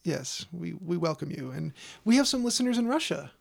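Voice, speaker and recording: A man's voice: on the high side, very animated, fairly quick, vocal fry. A man hosting a casual film podcast in a wry, joking way. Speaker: podcast host.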